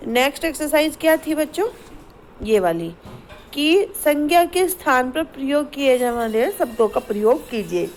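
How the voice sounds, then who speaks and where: A woman teacher walks her pupils through a grammar exercise, asking questions and reading each example sentence slowly. Her voice sits high, and a faint background noise runs under the recording. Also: very animated, rough recording. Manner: explains patiently, asks the class questions, reads sentences slowly. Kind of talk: Hindi grammar lesson to schoolchildren.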